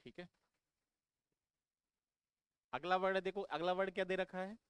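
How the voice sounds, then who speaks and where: A man's voice: high voice, fairly even intonation, moderate pace, smooth, no room sound. A man teaching exam vocabulary who keeps asking his students questions and then answering them himself, calling them "beta". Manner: repetitive, drilling explanation. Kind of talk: vocabulary lesson for exam prep.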